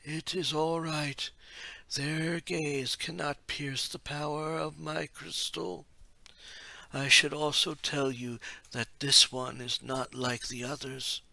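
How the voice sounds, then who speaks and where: Man putting on an ethereal male oracle, slow, soft, bright tone with a gravelly edge. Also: on the high side, little pitch movement, no echo, voice pushed up, full character voice. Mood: gentle. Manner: slow, hushed and measured.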